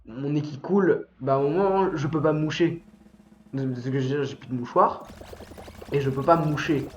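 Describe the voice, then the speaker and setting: On a casual gaming stream, a congested teenage boy with a cold talks at a moderate pace in a higher voice, rambling, swearing and shouting angrily at the game. The recording is dull and lo-fi, echoey, with faint music and a little hiss or hum.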